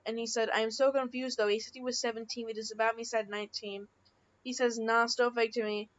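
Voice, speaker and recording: A woman's voice: fairly high pitch, highs cut off, slight background noise. A woman reading out chat messages in improvised, unscripted commentary, rambling with frequent restarts and fillers. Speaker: channel creator reading screenshots.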